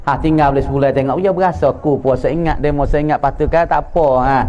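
A male preacher with a fairly high voice and a Patani Malay accent gives a sermon in a mosque. He tells stories in a lively, teasing way and acts out the voices of the people he quotes. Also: quick pace, muffled recording. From southern Thailand. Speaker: religious teacher.

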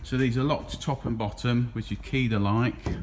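This time the English trailer seller talks at a moderate pace in a mid-range voice, easygoing and chatty with frequent ums. He's recording a walkaround product video on his phone while walking through an echoey indoor warehouse where a faint hum is audible.

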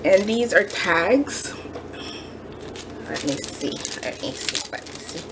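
At a home kitchen counter indoors, a woman casually shows off a craft shopping haul, gushing and using many fillers. Her mid-range voice is animated but slow. The background is noisy.

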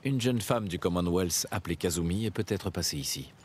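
An actor voicing a calm male detective as the player character in a video game, speaking matter-of-factly. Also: low-pitched, fairly quick, slight background noise, close to an everyday voice.

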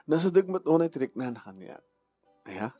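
A man's voice: on the high side, big pitch swings, normal speed, dark tone, slightly rough, dry recording, soft background music. A man speaking heartfelt family drama dialogue.

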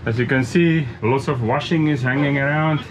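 A sailing vlogger in his fifties, medium-pitched and moderately paced, walks through a boat cleaning job step by step on the deck of a catamaran, plainly and with restarts. He's filmed on a close-held action camera, and the outdoor recording is noisy.

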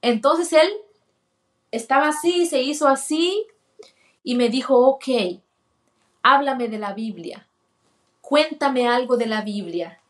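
A woman's voice: sits high, expressive, slow, long pauses. A woman, earnestly telling a personal testimony and acting out the dialogue. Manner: earnest, acts out quoted dialogue. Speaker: guest sharing a testimony. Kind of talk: personal storytelling.

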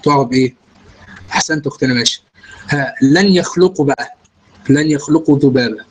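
A man's voice: medium pitch, fast, husky, rough recording. A man with an Egyptian Arabic accent teaching a grammar lesson, explaining step by step and quizzing his students.

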